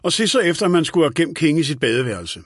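A man's voice: fairly high pitch, very animated, fairly bright tone, dry recording, studio quality, voice pushed up. A man voicing a fussy senile old lawyer. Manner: querulous, scolding, raised voice. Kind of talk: audiobook character voice.

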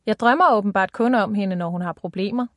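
A woman's voice: medium pitch, dry recording, clean studio sound, lightly acted. A woman reading aloud voicing a cheerful young teenage girl at a sleepover.

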